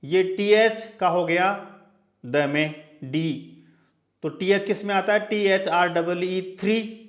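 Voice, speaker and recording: Slow-paced high-voiced male teacher. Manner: spells out example words letter by letter, frequent checking asides. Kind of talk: classroom lecture.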